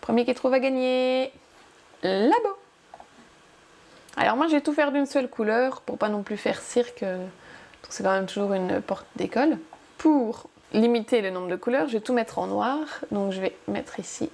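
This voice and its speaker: A woman's voice: on the high side, moderate pace, gravelly, darkish tone. A woman hosting a casual crafting tutorial, chatty and upbeat as she guides viewers step by step. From France.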